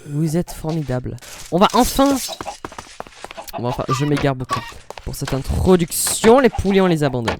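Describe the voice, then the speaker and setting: A man's voice: a little high, sing-song, moderate pace, background noise. A man hosting a casual let's-play, rambling in self-interrupting, jokey asides as he comments on his game. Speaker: gaming channel host.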